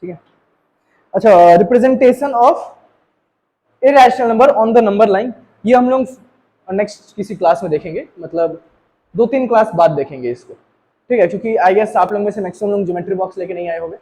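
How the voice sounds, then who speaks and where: An Indian maths teacher addresses students directly in Hindi, blending in English mathematical terms and asking questions to make sure they understand. His voice sits high with a dark tone, at normal speed with long pauses, on a low-quality recording.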